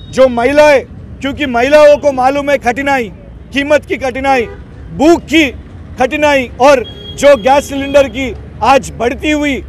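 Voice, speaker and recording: Brief: high-pitched male activist in his thirties, fiery and emphatic, outdoor street protest with faint crowd and traffic. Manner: fiery, emphatic political speaking with hand gestures. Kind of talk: speech to a news mic at a street protest. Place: busy city road outdoors with a crowd and traffic. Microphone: handheld news channel mic held close.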